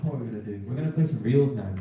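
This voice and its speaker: A folk piper from North Uist in Scotland's Western Isles introduces his set on stage in an indoor concert hall, speaking with a Hebridean Scottish accent. His mid-range voice races along in a hesitant, rambling, informal way as he talks casually between tunes. The lo-fi, echoey recording picks him up distantly, with a crowd audible in the background.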